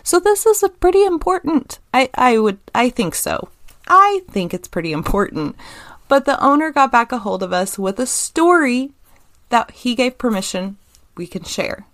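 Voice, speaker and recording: A woman's voice: a little high, big pitch swings, normal speed, a bit bright, no echo, studio quality. A woman co-hosting a podcast, casually chatting and reading an old news story aloud with informal asides. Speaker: podcast co-host.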